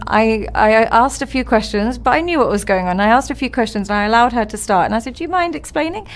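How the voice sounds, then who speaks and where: A woman with a fairly high voice talks as a podcast guest about relationships. She is blunt and emphatic, throwing herself into her stories with lively conviction. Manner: blunt, emphatic, animated storytelling. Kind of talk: conversational podcast interview.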